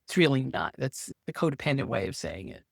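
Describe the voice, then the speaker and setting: A woman's voice: extremely low pitch, sing-song, a little fast, vocal fry, husky, no room sound, studio quality. A woman in her sixties, a therapist and guest, telling stories in a casual, emphatic interview conversation. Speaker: podcast guest, social worker and therapist.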